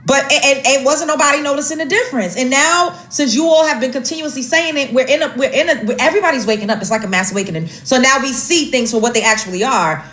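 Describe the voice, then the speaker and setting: A woman's voice: high-pitched, quick pace, few pauses, fairly bright tone, echoey room. An American woman giving emphatic casual commentary, stacking up complaints with fillers and restarts. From United States. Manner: emphatic, lists grievances, many fillers and restarts. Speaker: social media commentator.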